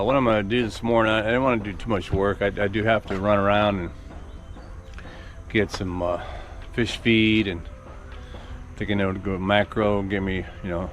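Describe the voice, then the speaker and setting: A man in his sixties casually thinking aloud as he plans a build on his farm, rambling with many restarts. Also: fairly low pitch. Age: 60s. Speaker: farm vlogger. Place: outdoor construction site on a farm.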